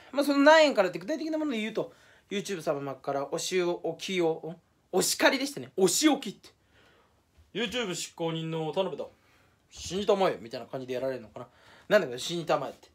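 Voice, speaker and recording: In a casual solo vlog, a high-voiced young YouTuber chats to camera, wandering off topic and poking fun at himself. Now and then he playfully puts on a fake Kansai dialect.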